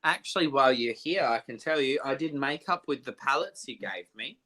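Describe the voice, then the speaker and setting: A young man hosting a casual makeup livestream, chatty and animated, quick to laugh. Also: mid-range voice.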